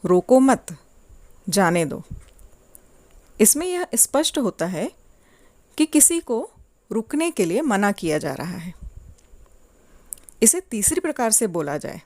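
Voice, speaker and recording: A woman teaching a grammar lesson to children in a slow, deliberate, clearly paced way. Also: fairly high pitch, sing-song, dark tone, no room sound.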